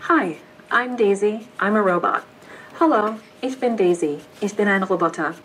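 A synthetic text-to-speech robot voice with a female sound, speaking in an even, polite, scripted way as a care-home companion robot. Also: mid-range voice, moderate pace, a little hiss or hum, rough recording.

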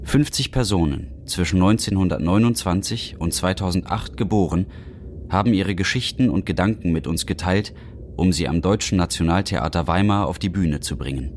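A man reading the formal announcements for a radio play in a measured way. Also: low-pitched, darkish tone, slight background noise. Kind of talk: scripted radio play narration.

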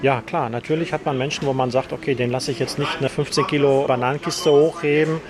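A man's voice: mid-range voice, steady tone, fast talker, over music. A man, a store owner, explaining his views in a conversational interview. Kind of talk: interview statement.

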